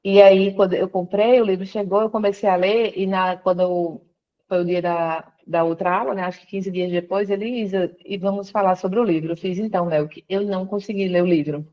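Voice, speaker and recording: A woman calls in as a guest from her workplace to tell her conversion story in a testimony interview, acting out what others said with lively shifts in her voice. She speaks at a medium pitch and a fairly quick pace, and the audio is dull.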